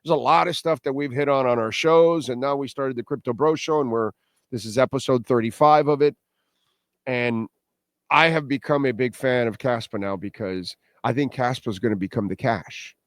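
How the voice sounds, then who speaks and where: A man with a mid-pitched voice hosts a show in a casual, opinionated monologue. He talks straight to viewers, blunt and emphatic, repeating points and throwing out rhetorical questions. The sound is dry and close, with little room to it. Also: normal speed, no room sound. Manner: blunt, self-deprecating, salty slang. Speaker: host of a crypto show.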